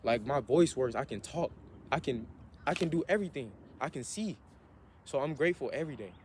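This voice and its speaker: A man in his twenties vlogs in a medium-pitched, expressive, slightly mellow voice, talking fairly quickly with a little hiss or hum in the background. His motivational monologue is earnest and self-driven, and he keeps repeating himself as he thinks aloud.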